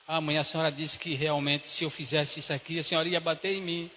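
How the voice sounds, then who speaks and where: A Brazilian pastor with a very bright, forceful, fairly high voice tells a story in a sermon, acting out its people. His delivery swings from hushed to loud preaching. The sound rings with the long reverb of a church hall, over a faint background hum. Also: little pitch movement, fast. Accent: Brazilian Portuguese.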